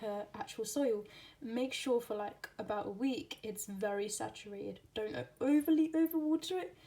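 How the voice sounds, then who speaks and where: A woman's voice: mid-range voice, a little mellow. A young woman chatting casually in a home plant vlog, rambling with lots of fillers and slipping into whispers. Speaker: plant vlogger. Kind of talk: casual chat. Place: home, indoors.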